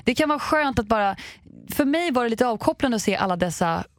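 A woman's voice: a little high, animated, no echo, clean studio sound. A woman co-hosting a podcast in casual chat, enthusiastic and playful, slipping in English phrases. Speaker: podcast co-host.

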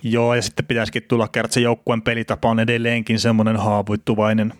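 A man hosting a casual podcast, telling stories in a relaxed way with frequent fillers. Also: on the low side, dry recording, studio quality. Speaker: podcast host. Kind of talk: casual hockey chat.

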